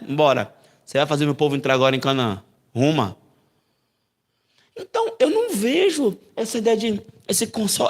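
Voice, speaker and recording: A man from Brazil teaching a Bible class in a church as pastor, animated and acting out voices. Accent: Brazilian Portuguese. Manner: animated, acts out voices with big pitch jumps. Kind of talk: sermon-style Bible lesson.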